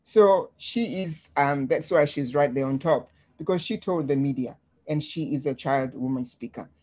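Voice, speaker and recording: Over a video call, a Tanzanian woman with a low-pitched, slightly mellow voice presents slides in a webinar. She speaks in a measured way with frequent ums.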